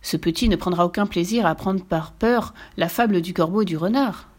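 A woman's voice: lowish voice, a little fast, a little mellow, natural voice. A woman voicing an anxious young duke and father who laments dramatically over his son. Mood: lamenting.

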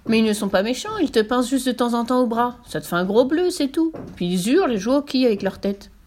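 Brash fearless storybook girl, put on by a woman reader: raised pitch, loud and teasing. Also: quick pace, close to an everyday voice. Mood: boastful. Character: bold cheeky little girl, fearless and boastful.

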